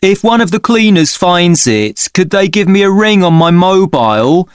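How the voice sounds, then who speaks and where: A man's voice: high voice, big pitch swings, normal speed, smooth, no echo. An actor playing an apologetic office salesman leaving a careful, polite phone message in a scripted exercise. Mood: polite, concerned. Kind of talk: scripted voicemail acting.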